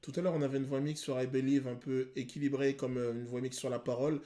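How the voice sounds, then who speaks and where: A male vocal coach explaining singing technique to viewers, pausing to sing short examples. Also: medium pitch, little pitch movement, mellow. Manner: explanatory, addresses viewers, sings short demos. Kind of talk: vocal analysis video commentary.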